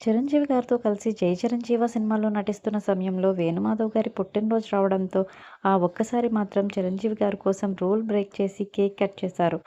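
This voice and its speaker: A woman with a Telugu accent narrating a scripted biography in a steady, even read-aloud delivery. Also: mid-range voice, a little fast, muffled recording.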